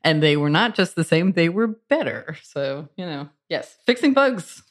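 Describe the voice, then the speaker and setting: A woman's voice: sits low, animated, moderate pace. Appreciative woman co-hosting a podcast. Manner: warm, appreciative, laughs lightly. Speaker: podcast co-host. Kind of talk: casual podcast chat.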